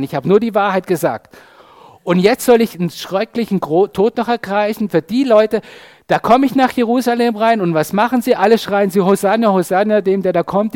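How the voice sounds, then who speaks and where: A preacher acting out Jesus as a man who is fed up and ranting in loud, slangy complaints at his followers. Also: fairly high pitch, lightly acted.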